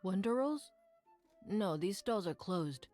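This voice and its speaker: Mellow, weary street food vendor. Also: female voice, mid-range voice, expressive, slow, faint music behind. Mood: weary, helpful. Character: weary, helpful female street soup vendor. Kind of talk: video game voice acting.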